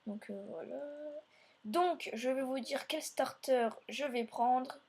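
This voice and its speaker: A woman's voice: high voice, slow pace, a little mellow, husky. A woman hosting a let's play, narrating her gameplay in a meandering way and talking straight to her viewers. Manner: meandering, filler-heavy narration while playing; speaks directly to viewers.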